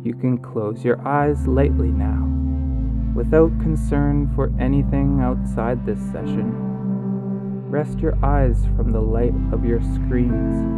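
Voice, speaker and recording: A man guides a relaxation session at a very slow pace, with a calm and soothing delivery. He leaves long pauses between phrases, in a medium-pitched voice. Calming plucked guitar plays clearly behind him. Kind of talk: guided meditation narration. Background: calming guitar music.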